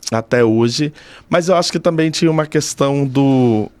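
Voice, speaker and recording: A doctoral student in communication, a man in his thirties with a Brazilian Portuguese accent, speaks casually and reflectively as a podcast guest, thoughtfully repeating phrases for emphasis. His medium-pitched voice is darkish, clear, and resonant at normal speed, with no room sound.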